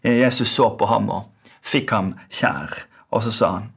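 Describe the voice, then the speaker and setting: A man with a Norwegian accent preaching a sermon as pastor, in a measured way that trails off softly at the ends of phrases. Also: lowish voice, vocal fry, slightly rough.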